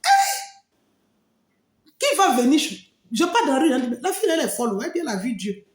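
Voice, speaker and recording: A woman shares an emotional personal testimony. Her voice sits fairly high and swings widely in pitch as she tells her story with frequent exclamations. The sound is roomy, with a noticeable echo. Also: very animated, a little fast. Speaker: testimony speaker.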